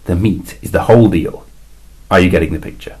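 In a science fiction story read aloud, a man voices a weary alien envoy with a very low, husky, dark voice. He explains things dryly and matter-of-factly, with bursts of exasperated emphasis, speaking briskly over poor audio.

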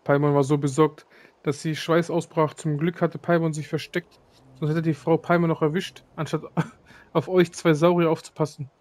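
A man's voice: on the high side, flat delivery, normal speed, darkish tone, dry recording, lightly acted. A man reading aloud the lines of a small chatty female companion, with slips.

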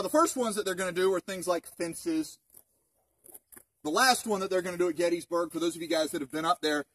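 His voice leans high and fairly bright with a breathy edge as this thirty-something park ranger gives a group a relaxed history talk in open woods, heavy on rhetorical questions. A camera a few metres off records him through a distant outdoor mic.

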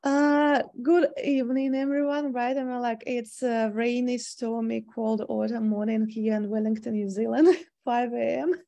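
A woman in her thirties from Russia, speaking English with a Russian accent as a second language, giving a cybersecurity talk over a video call at an unhurried, hesitant pace with frequent fillers. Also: a little high, steady tone, gravelly, warm tone, lo-fi sound. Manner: hesitant, many fillers, thoughtful. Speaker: cybersecurity consultant presenting. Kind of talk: online conference presentation.

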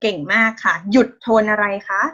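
A woman's voice: mid-range voice, fairly even intonation, normal speed, pushed and bright, highs cut off. A woman with a Thai accent teaching a language class over a video call, patient and encouraging with constant praise and polite particles. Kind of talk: online Thai lesson, mixing Thai and English.

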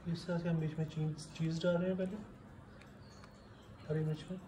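A man's voice: on the high side, level tone, moderate pace, dark tone, slight background noise, poor audio. A man talking through a home cooking recipe step by step. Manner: plain step-by-step explaining. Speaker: cooking channel host. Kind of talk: cooking tutorial voice-over.

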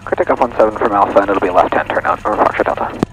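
A man talking as a pilot over the aircraft radio, reading back clearances to the tower in clipped radio phraseology. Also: on the low side, racing, background noise. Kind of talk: radio calls to air traffic control.

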